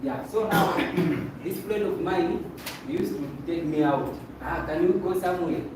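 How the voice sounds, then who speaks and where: A man's voice: high voice, a little slow. A young man from Malawi telling a seminar audience how he got into a business, casual and joking. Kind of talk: testimonial talk to an audience. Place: meeting room with a projector. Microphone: far camera. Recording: echoey room from far off, noisy.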